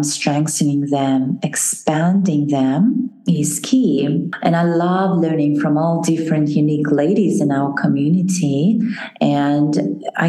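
A woman in her forties with a Kazakh accent hosts a solo podcast. Her voice is low and warm, and she speaks earnestly, often restarting a thought. She is recorded in a roomy, echoey space with faint music underneath. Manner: earnest, reflective, with frequent restarts and fillers. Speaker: podcast host.

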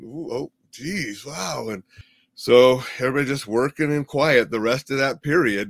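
A middle-aged man casually telling a personal story, animated and chuckling now and then as he goes. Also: mid-range voice, no room sound.

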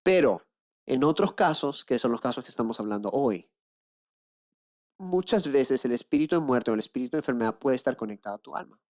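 A man preaching a sermon as an inner-healing coach, lively, acting out the people he quotes with rhetorical questions, slowing down and hushing low to drive points home. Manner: slows down and drops to a low hush for emphasis.

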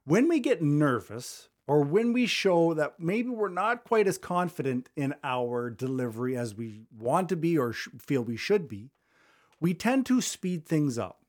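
A man hosting a solo podcast from a small studio, talking fast and conversationally into a studio microphone. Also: on the high side, very animated. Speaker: podcast host. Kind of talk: solo podcast advice talk.

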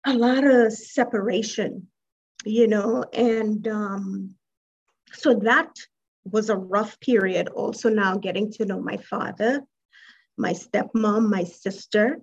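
Over a muffled call, an interview guest from Trinidad and Tobago recounts her life, pausing and laughing softly as she reflects without hurry. Her mid-range voice is slightly rough, with fairly even intonation.

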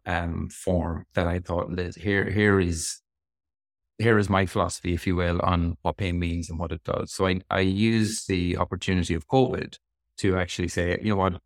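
Low-pitched west of Ireland man. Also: dry recording, clean studio sound. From Sligo, west of Ireland. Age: middle-aged. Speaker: interview guest, physiotherapist. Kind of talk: conversational interview answers.

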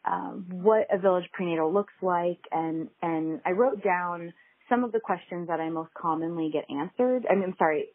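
A woman host talks through a tinny, phone-like low-quality recording, hesitant and rambling with frequent ums and restarts. Her voice sits somewhat low and sounds a little husky. The sound is dry, with no room around it. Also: moderate pace, no echo. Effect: low-quality recording made over a phone. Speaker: podcast host. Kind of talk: conversational interview.

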